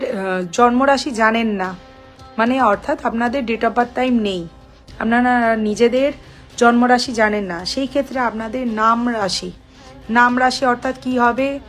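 A woman astrologer with a Bengali accent speaks to her viewers in a fairly high voice. She teaches carefully, repeating herself and sounding out syllables one by one. Soft music plays quietly underneath. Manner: instructive, repeats points and spells out syllables slowly. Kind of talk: spiritual advice talk to viewers.

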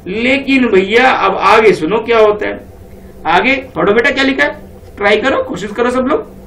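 A male teacher explaining a children's poem to young pupils. He asks the class questions, answers them himself, and reads the poem lines slowly. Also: very high-pitched, vocal fry, fairly bright tone. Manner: slow, drawn-out reading of poem lines. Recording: echoey room, mic at a distance, faint background hum.

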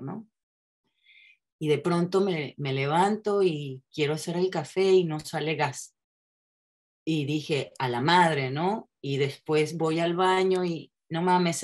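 Woman, low voice, candid podcast guest talk, casual swearing. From Mexico. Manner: candid, frequent tag questions, restarts and swearing. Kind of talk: casual conversational chat.

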